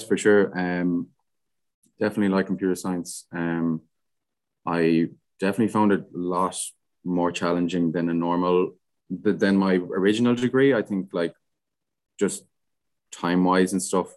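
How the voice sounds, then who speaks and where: A young man with a west of Ireland accent speaks in a deep register with little melodic movement. He answers in a casual interview style, often pausing and restarting as he works out his thoughts. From Galway, west of Ireland. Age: young adult. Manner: hesitant, halting, frequent "like". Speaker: podcast guest, student society president.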